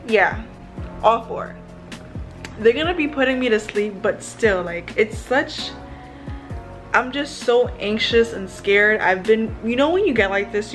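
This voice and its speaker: A woman's voice: medium pitch, fairly bright tone. Woman, twenties, informal vlogger, slangy, repeats for emphasis, camera at arm's length indoors. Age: 20s. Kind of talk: casual chat to camera. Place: small plain room indoors.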